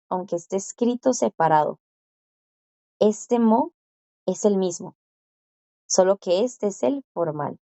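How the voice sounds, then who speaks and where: Patient teacher: woman, dark mellow voice, dry muffled sound, slow careful drills. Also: mid-range voice, no echo. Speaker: Korean language teacher. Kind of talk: classroom explanation.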